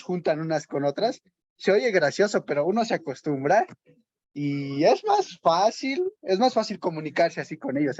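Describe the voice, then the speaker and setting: A man's voice: a little high, dry recording. A man student sharing a personal story in class, talking casually with fillers. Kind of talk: classroom comment. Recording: dull, muffled dry mic.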